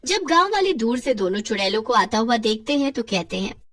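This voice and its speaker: A woman narrating a cartoon horror story in a lively storytelling manner. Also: a little high, a little fast, far from the mic.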